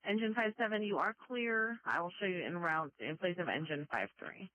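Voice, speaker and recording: A woman's voice: lowish voice, moderate pace, pushed and bright, dry recording. A woman working as a fire dispatcher, reading back traffic over a two-way radio. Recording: muffled lo-fi radio transmission.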